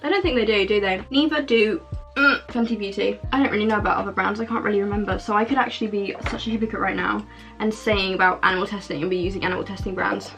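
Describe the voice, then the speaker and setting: A woman's voice: medium pitch, steady tone, quick pace, a bit bright, poor audio. A seventeen-year-old girl chatting through a get-ready-with-me makeup vlog, rambling, swearing a lot and mocking herself. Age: teens. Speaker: beauty vlogger. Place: warm bedroom at a makeup mirror. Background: music playing in the background.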